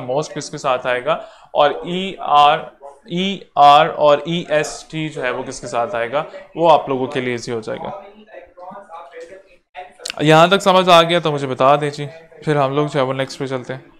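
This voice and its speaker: A man with a Pakistani accent teaching an online exam-prep English lecture, explaining slowly, repeating points and checking that students follow. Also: on the high side, fairly bright tone.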